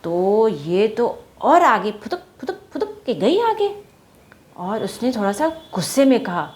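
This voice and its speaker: A woman telling a story to children in an animated way, often asking her young listeners questions. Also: medium pitch.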